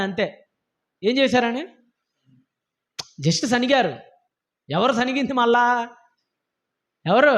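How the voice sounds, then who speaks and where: A man's voice: very high-pitched, a bit bright. A man preaching a sermon in a church, scolding his listeners with emphatic rhetorical questions. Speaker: pastor. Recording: dull lo-fi sound.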